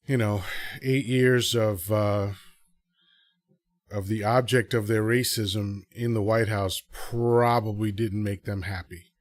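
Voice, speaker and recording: Speaking slowly in a steady, low-sitting voice, a podcast host from the Dominican Republic talks through his thoughts live for an audience. His casual solo commentary is rambling, earnest and self-correcting, with no room sound on the recording.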